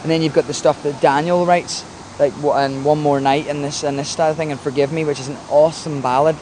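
A man's voice: on the high side, steady tone, fast, darkish tone. A man from a pop band chatting casually behind the scenes at a video shoot, full of "you know" and "like". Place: outdoor video shoot location. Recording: noisy outdoor ambience.

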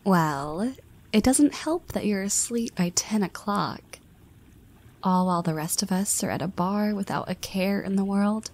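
For a scripted audio roleplay, a voice actress plays a confident young woman poking fun at her friend with teasing, half-whispered asides. She speaks at a measured pace in a medium-pitched, slightly mellow voice.

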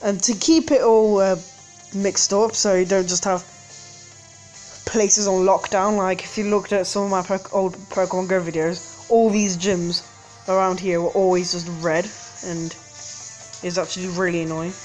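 A woman's voice: mid-range voice, little pitch movement, normal speed, darkish tone, soft background music. Rambling woman talking over gameplay. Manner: rambling, frequent self-corrections and hesitations. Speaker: game channel host. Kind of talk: casual gameplay commentary. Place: indoors at home, street outside.

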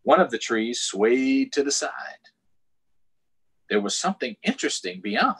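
A middle-aged American storytime host reads aloud to children from a small room at home via a video call, expressive and explaining things chattily. His mid-range voice is fairly bright and slightly rough with vocal fry, at a measured pace.

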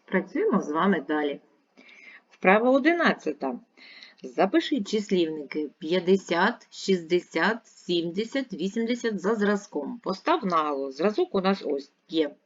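Lively husky-voiced woman teacher. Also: lowish voice, lo-fi sound. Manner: slow, careful, repeats words clearly for children. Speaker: primary school teacher. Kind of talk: recorded video lesson for young pupils.

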